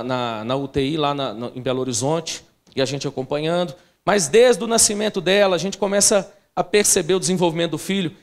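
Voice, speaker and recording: A pastor with a high-pitched male voice preaches a sermon built around a personal family story, often breaking off for asides to the congregation.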